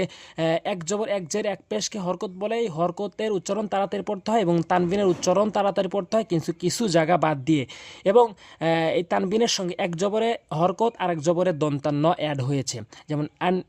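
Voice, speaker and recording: A man's voice: high-pitched, a little mellow, no echo. A man teaching Quran pronunciation in a lesson, patiently explaining and drilling syllables one by one, with a Bangladeshi Bengali accent.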